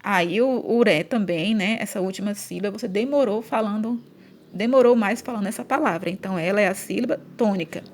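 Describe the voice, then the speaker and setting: A woman's voice: mid-range voice, fairly quick, a little hiss or hum. A woman with a Brazilian Portuguese accent teaching a grammar lesson for children, speaking patiently and stretching out syllables when she chants example words.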